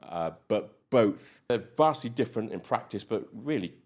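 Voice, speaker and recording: A man's voice: on the low side, expressive, moderate pace, a little mellow. A middle-aged man with a British accent, a guest doctor chatting casually in an interview, rambling with many fillers. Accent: British English. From Malawi.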